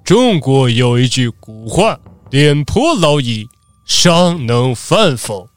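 A man's voice: mid-range voice, big pitch swings, slow, no echo. A man voicing a stubborn old samurai of sixty who brags and gives orders. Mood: commanding. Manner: boastful, commanding.

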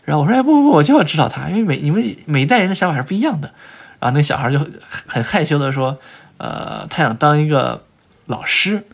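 A man talks quickly as a guest on a podcast, his voice a little husky and set somewhat high. He tells his stories in a lively way, stopping often on filler sounds and starting his sentences over. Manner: animated, lively retelling with frequent filler sounds and restarts. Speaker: guest traveler and researcher. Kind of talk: conversational storytelling in a podcast interview.

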